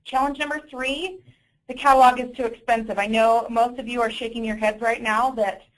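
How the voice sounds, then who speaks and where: A woman's voice: a little high, steady tone, a little fast, low-quality recording. A woman presenting a business training webinar in an informal, self-correcting way, heard over a conference call. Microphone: conference call audio.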